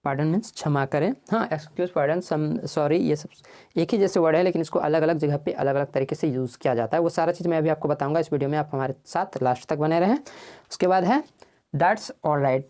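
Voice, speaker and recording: Male English teacher, mellow voice, drills phrases slowly and quizzes the class, answering his own questions. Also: on the high side. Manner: asks the class questions and answers them himself. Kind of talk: spoken English lesson in Hindi.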